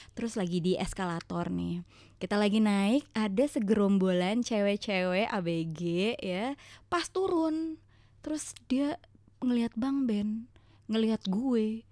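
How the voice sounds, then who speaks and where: A woman's voice: medium pitch, darkish tone, no echo, clean studio sound. A woman from Jakarta with a Jakarta accent, hosting a podcast and telling stories in casual slang, acting out the dialogue. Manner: chatty, uses Jakarta slang, acts out dialogue. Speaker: podcast host. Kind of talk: casual storytelling monologue.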